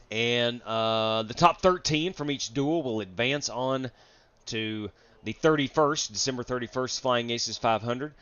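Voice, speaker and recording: A man's voice: fairly high pitch, fairly bright tone, no room sound. A man hosting a live sim racing stream, chatting casually with viewers while sick and feeling drained. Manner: chatty, greets viewers from chat, rambling with fillers. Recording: dull, lo-fi dry stream audio.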